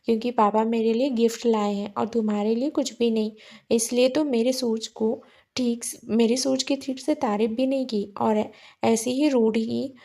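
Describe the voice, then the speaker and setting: A woman's voice: on the high side, fairly even intonation, normal speed. A woman voicing a hurt young wife who accuses her husband through tears. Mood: hurt, accusing. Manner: tearful, accusing, sharp.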